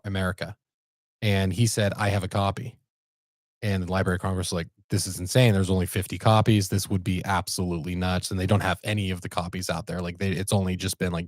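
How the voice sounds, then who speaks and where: A man's voice: lowish voice, dry recording. A man co-hosting a podcast, casually retelling a story in a rambling, laid-back way with lots of fillers. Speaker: podcast co-host.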